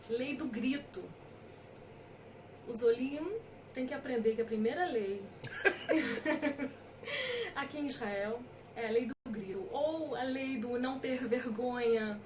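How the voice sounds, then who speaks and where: A woman's voice: high voice, recorded from a distance. Woman, middle-aged, from brazil, informal lecture, fillers, noisy recording. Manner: hesitant, many filler sounds, emphatic on key points. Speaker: lawyer giving an online talk.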